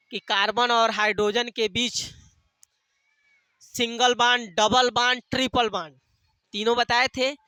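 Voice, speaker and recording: A male teacher lectures at a slow, deliberate pace, asking questions and answering them himself. His voice is bright and crisp, and he repeats key terms and slips in jokey memory tricks. The close, dry recording has no room sound. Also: very high voice, no room sound. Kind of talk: classroom lecture with call-and-response questions.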